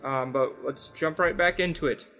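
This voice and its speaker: A young man with a sick, croaky voice, hosting casual gameplay commentary and rambling with lots of ums and uhs. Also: medium pitch, moderate pace, pushed and bright, faint music behind. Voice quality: rough, croaky voice. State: sick, under the weather. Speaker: gaming channel host.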